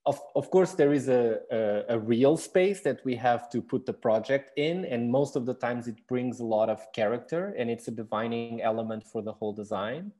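With a mellow, medium-pitched voice at normal speed and hardly any pauses, a Portuguese man in his thirties answers questions in a recorded talk. The architect and exhibition designer explains his work thoughtfully in Portuguese-accented English, with plenty of fillers and restarts.

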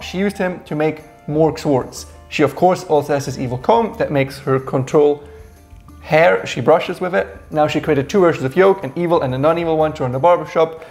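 A man's voice: on the high side, darkish tone. A man in his thirties co-hosting a game review, telling the backstory with wry sarcasm in a small indoor room. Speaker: co-host reviewing a game adventure. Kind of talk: casual review chat.

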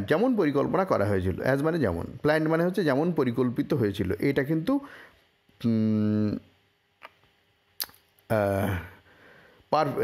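A man from India explaining a newspaper report line by line, reading English phrases slowly and then explaining them, with frequent fillers and self-corrections. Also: medium pitch, slightly rough. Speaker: English teacher.

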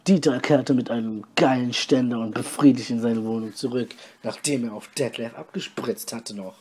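A man reading a story aloud with deadpan, mocking asides. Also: mid-range voice, moderate pace, breathy edge. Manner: deadpan, mocking, comments on his own reading. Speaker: podcast host reading his story aloud.

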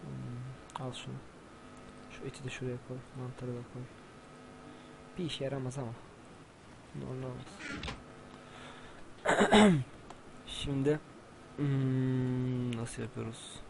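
A man talks through a video game in a casual, excitable way, shouting and swearing when things go wrong. His voice sits at an ordinary middle pitch, with clear hiss and noise underneath. It sounds like a home gaming recording. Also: slow, pauses often. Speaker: gamer. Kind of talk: casual gameplay commentary.

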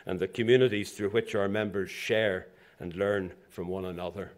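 An older man from Zambia giving a formal inaugural address as president of a professional institution, speaking from a lectern in a lecture hall with measured delivery and dry asides. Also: lowish voice. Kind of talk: formal prepared speech.

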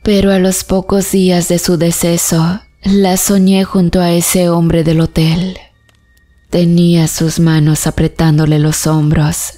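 A woman reads a first-person horror tale in a low, dark and mellow voice. She keeps her delivery flat and unhurried, and soft music plays faintly underneath. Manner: slow, even, somber storytelling. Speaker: horror story narrator. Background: faint background music.

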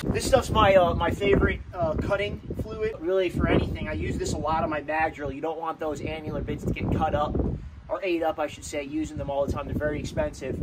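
A man's voice: on the high side, level tone, fairly quick. A young man, a mobile welder, casually explaining his work outdoors, laid-back and cursing now and then. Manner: laid-back, swears casually, plugs gear. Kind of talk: casual how-to narration. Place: outdoors beside a trailer. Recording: loud generator noise outdoors. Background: loud engine and work noise.

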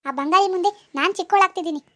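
Woman doing a sulky demanding young village woman, cartoon voice, very high-pitched, quick, sarcastic scolding tone. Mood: angry. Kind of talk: cartoon dialogue voice acting.

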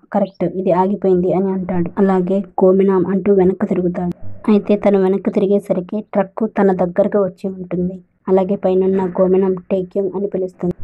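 A woman retelling a drama episode as a story, reading every character's lines in her own voice. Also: medium pitch. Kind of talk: storytelling recap with quoted dialogue. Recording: tinny phone-like recording.

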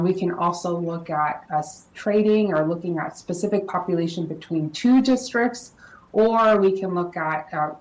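A woman consultant giving a formal presentation to a city council, explaining plans in a measured way with frequent ums and uhs. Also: lowish voice, a little mellow. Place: council chamber. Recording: echoey chamber audio.

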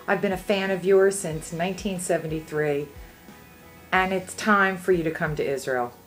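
Older woman from new jersey, cheerful, lowish voice, music behind. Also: moderate pace. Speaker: longtime fan.

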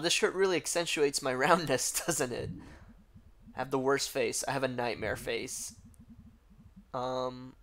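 A man's voice: mid-range voice, fairly bright tone. Joking, swearing game streamer guy. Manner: joking, rambling, profane asides. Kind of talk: casual gaming stream chat.

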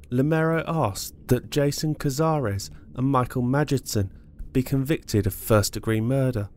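A man narrating a true-crime podcast, reading court testimony in a measured, steady way. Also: medium pitch. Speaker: podcast host.

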